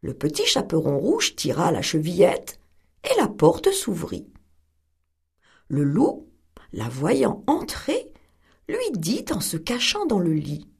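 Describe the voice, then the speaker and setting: Woman storyteller, slow and very lilting, fairly high voice. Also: huge pitch swings, gravelly, a little mellow, breathy edge. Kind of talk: reading a fairy tale aloud.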